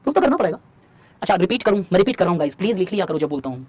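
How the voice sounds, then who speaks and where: Brief: male exam tutor, husky, lively pitch, dry close sound, rapid talk broken by slow dictation. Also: dry recording. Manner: fast in Hindi, slow dictation in English; animated, asks students rhetorical questions. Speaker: civil services exam teacher. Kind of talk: online class lecture.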